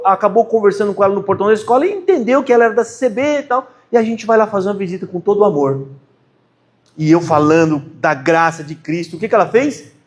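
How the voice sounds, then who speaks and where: Impassioned high-voiced Brazilian preacher. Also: male voice. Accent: Brazilian Portuguese. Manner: storytelling, acts out quoted dialogue, builds to impassioned emphasis. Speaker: preacher giving a conference talk. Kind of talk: conference preaching to a congregation.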